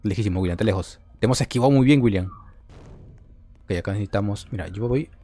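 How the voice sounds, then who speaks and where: A man's voice: lowish voice, fast talker, mellow. A man giving casual let's-play commentary, talking to the game character and to his viewers as he plays. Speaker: gaming video creator.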